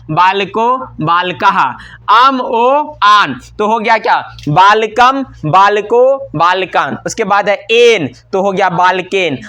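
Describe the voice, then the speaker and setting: A man teaching Sanskrit grammar in a class, quizzing his students with "what will it become?" and then giving the answer himself, slowing right down to draw out each word form. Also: high-pitched, bright, forceful tone. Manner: drills by asking and answering his own questions; slows down and stretches words while reciting forms.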